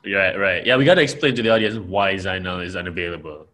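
A man from Malaysia co-hosting a casual comedy podcast, laid-back and quick to laugh. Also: deep voice, sharp tone. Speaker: podcast co-host.

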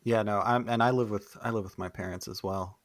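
A man's voice: on the low side, steady tone, a little fast, no echo. A thirty-year-old man chatting casually on a podcast, dry and self-deprecating. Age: 30s. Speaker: podcast co-host. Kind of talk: casual chat.

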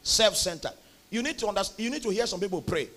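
A young Nigerian man with a Nigerian accent preaching a sermon, emphatic, with loud bursts on key words. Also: high-pitched, lively intonation, fast. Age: young adult.

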